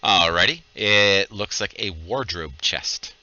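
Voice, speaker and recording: A man's voice: sits low, slow pace, pushed and bright, dry recording, highs cut off. A man running a tabletop game as game master, narrating and ruling on the players' actions.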